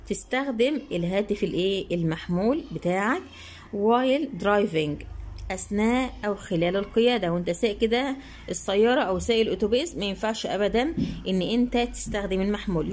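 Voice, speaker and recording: A young woman teacher with an Egyptian Arabic accent works through an English workbook. She drags out the English phrases word by word, then rattles off the Arabic explanation. Her voice sits at an ordinary middle pitch. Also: a little mellow, slight background noise. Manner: reads English prompts slowly, then explains quickly with rhetorical questions. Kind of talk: exam-answer lesson in Egyptian Arabic.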